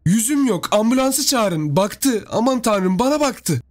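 A man's voice: big pitch swings, quick pace, darkish tone. A man voicing a panicked young wife who shrieks and begs in terror. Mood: terrified screaming. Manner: shrill screaming.

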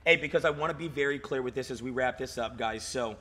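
Man, thirties, fitness coach, bright forceful voice, slightly breathy, hyped and profane, gym room with long reverb. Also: mid-range voice, fast. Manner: hyped, swearing, lots of "dude" and "like". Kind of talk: casual podcast chat. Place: gym lounge, indoors.

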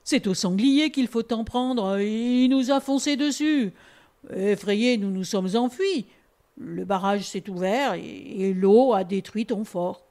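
A woman's voice: medium pitch, takes it slowly, mellow. A woman voicing flustered dam guards from a storybook, defensively explaining they are not to blame. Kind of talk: storybook reading aloud.

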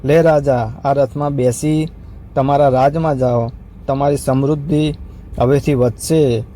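Kindly goddess dispensing blessings in a devotional storybook reading, solemn and commanding, read by a man, mellow tone. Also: mid-range voice, fairly even intonation, a little slow, a little hiss or hum, close to an everyday voice. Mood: benevolent. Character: benevolent mother goddess granting blessings.

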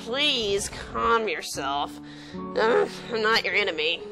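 A woman voicing a grumpy old male librarian in a halting old man voice, reading out video game dialogue. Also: mid-range voice, lively intonation, sharp tone, faint music behind, voice pushed down, full character voice, low-quality recording. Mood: soothing.

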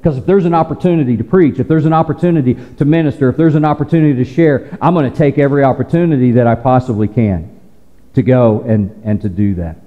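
A man preaching a sermon as pastor, conversational with playful teasing asides and quick restarts. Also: mid-range voice, in a large hall, phone-quality sound. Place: church sanctuary.

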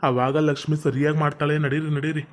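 A man playing a fussy middle-aged village father in a comedy sketch, coaxing and monotone. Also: on the high side, fairly quick, natural voice.

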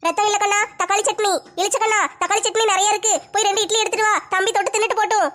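A woman's voice: very high-pitched, flat delivery, rapid-fire, a bit bright. Woman playing a brash, teasing tough woman. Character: bold, tough older sister-figure woman. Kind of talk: comedy skit acting.

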